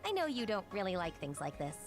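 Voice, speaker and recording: A woman's voice: mid-range voice, huge pitch swings, fast, soft background music. An actress voicing a cheerful, affectionate young woman who dotes on her older sister in a video game. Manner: bright, bubbly and affectionate.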